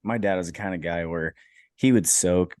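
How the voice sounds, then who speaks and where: A man from Iowa with a very low voice tells a story in a loose, laid-back way, full of "like" and "man." The recording is dry and close. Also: moderate pace, a little mellow, clear, resonant tone, no echo. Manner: laid-back, fills his talk with "like" and "man". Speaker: podcast co-host. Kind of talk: casual storytelling chat.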